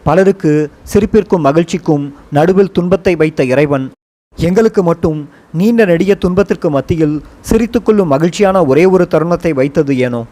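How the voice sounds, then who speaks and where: A man reading a first-person memoir audiobook in a measured, reflective storytelling manner. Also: fairly high pitch, a little mellow. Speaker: audiobook narrator. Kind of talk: scripted first-person narration.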